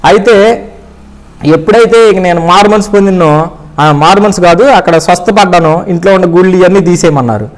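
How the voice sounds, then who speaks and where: A middle-aged man gives his faith testimony in an earnest, storytelling way. His voice sits fairly high for a man. He often acts out the pleading prayers he once said. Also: brisk. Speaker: church member giving testimony.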